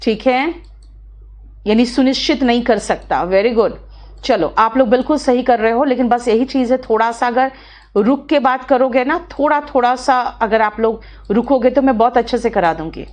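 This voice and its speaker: Slow-reading Indian woman English teacher. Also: a little high, darkish tone. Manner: patient, explains in Hindi, reads English sentences slowly. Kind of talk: live online class, answering student questions.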